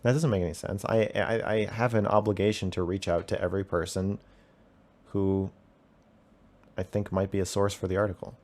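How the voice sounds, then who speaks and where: A man's voice: low-pitched, fairly even intonation, normal speed, a little mellow. A young man hosting a call-in livestream, answering chat questions in a defensive, rambling way with plenty of swearing. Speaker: call-in show host reading chat.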